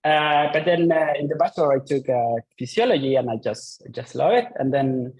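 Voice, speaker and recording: A man's voice: on the high side, lively intonation, moderate pace, darkish tone, low-quality recording. A man in his thirties from Chile with a Chilean accent, a Spanish speaker talking in English as the guest of an interview, polite and hesitant with many fillers. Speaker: guest researcher. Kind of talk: casual interview chat.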